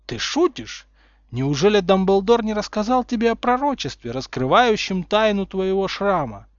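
A man's voice: sits high, very animated, normal speed, no echo, dull audio, voice pushed up. A man voicing a cold, insistent young male villain who makes demands. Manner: insistent, icy.

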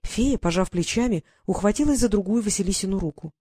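A woman narrating a children's fantasy audiobook in an even, measured storytelling manner. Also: mid-range voice, breathy edge, no room sound, studio quality. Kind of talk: scripted narration.

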